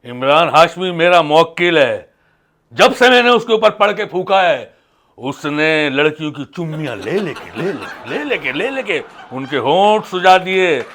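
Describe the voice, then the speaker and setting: A man's voice: on the high side, sing-song, measured pace. A man playing a bumbling, lecherous fake faith-healer baba in a comedy sketch, chanting like a street hawker and flaring up in mock anger. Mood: comic. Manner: loud, sing-song hawker chants, sudden angry outbursts.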